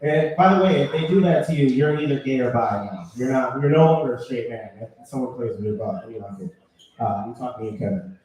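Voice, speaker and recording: A Puerto Rican man doing an open mic stand-up set, telling stories deadpan and then bursting into shouted punchlines. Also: mid-range voice, a little fast. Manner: deadpan storytelling with sudden shouted outbursts. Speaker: stand-up comedian. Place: small bar with live audience. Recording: echoey bar room, mic heard from a distance.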